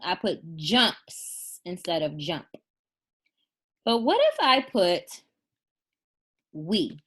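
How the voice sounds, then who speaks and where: A woman teaching a first grade class in a recorded remote lesson, patient and encouraging, slowing down to spell out sample sentences. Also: mid-range voice, a bit bright. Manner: slow, deliberate dictation of sample sentences.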